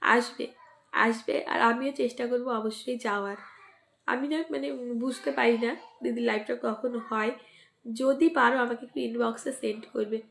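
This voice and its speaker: Female live-stream host, croaky from a cold, slightly high pitch. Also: fairly even intonation, moderate pace, fairly bright tone. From West Bengal, India. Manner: greets and thanks commenters by name, asks for mentions. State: sore throat and cold, coughing. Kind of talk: casual live-stream chat with viewers.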